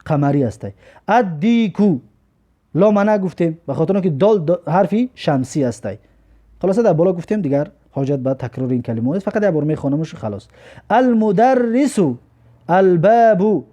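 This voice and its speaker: A man with a Tajik accent teaching a recorded language lesson. He reads each word slowly, then explains its meaning in a lower voice. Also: expressive, warm tone. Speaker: Arabic teacher.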